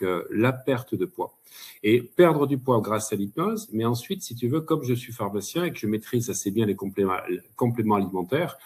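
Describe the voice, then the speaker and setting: A guest expert on a webinar, a hypnotherapist who is also a pharmacist, talks casually in a chatty, emphatic way. His voice is fairly low with a breathy edge, and fillers crop up frequently.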